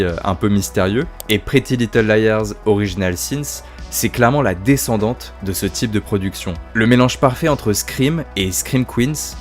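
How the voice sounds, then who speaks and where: A man hosting his own video review, talking casually about horror series with swearing, self-mocking asides and enthusiasm. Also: lowish voice.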